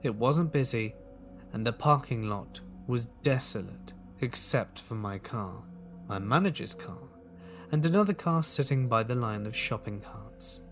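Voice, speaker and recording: A man telling a first-person horror story in a calm, steady reading voice. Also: mid-range voice, measured pace, soft background music. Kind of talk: scripted horror story narration.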